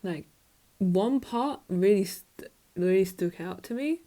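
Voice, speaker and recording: A woman's voice: mid-range voice, animated, takes it slowly, dark tone. A woman vlogger talking casually to camera in a rambling, self-mocking way, with many fillers. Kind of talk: casual monologue.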